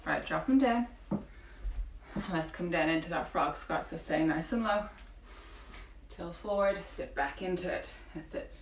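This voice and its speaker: A woman fitness coach leading a home workout, encouraging and cueing breaths, with a morning croaky voice. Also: fairly low pitch, measured pace, a little hiss or hum. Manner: encouraging, counting through exercises. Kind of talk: guided home workout instruction. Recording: roomy, from a distance with faint ambience.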